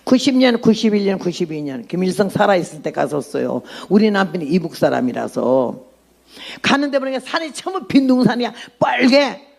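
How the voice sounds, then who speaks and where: A woman's voice: mid-range voice, expressive, a little fast, gravelly, darkish tone. An outspoken woman in her eighties preaching a testimony sermon as a missionary, blunt and emphatic. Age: 80s.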